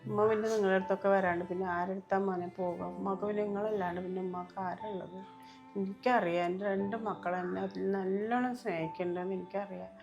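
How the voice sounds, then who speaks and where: A woman's voice: medium pitch, fairly even intonation, fast talker, vocal fry, lo-fi sound, close to an everyday voice. A woman playing a loving, forgiving mother who soothes and coaxes her grown son, over background music. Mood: gentle. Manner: soothing, coaxing, calls her son "my pearl". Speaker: actor in a family web series. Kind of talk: melodramatic web series acting.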